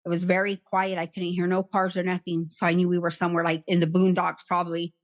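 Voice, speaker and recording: A middle-aged woman recounting her past in an interview, in a plain, halting way with many "like" fillers. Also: on the low side, little pitch movement, dull audio. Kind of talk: personal account in conversation.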